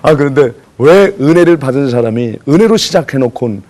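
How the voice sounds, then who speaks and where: A man's voice: medium pitch, fairly quick. A man preaching a sermon lecture to a congregation, asking them questions and acting out voices as he tells stories. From South Korea. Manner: animated preacher acting out voices, calls for audience replies. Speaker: pastor.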